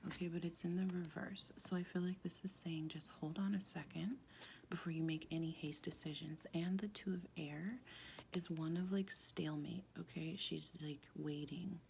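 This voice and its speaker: A woman with a low, sultry, smoky voice full of gravelly fry reads tarot softly and casually. She pauses often and keeps her wording informal. There is noticeable noise behind her voice. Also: steady tone. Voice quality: deep, sultry, husky smoker's voice. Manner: halting, informal, with pauses and frequent "like". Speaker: tarot card reader. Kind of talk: casual spiritual tarot reading, soft-spoken.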